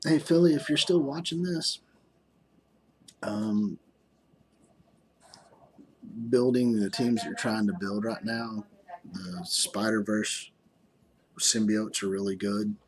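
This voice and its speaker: A gaming YouTuber with a lowish, slightly rough voice offers casual game commentary at a slow pace. He rambles and hesitates with many ums, sounding tired and yawning.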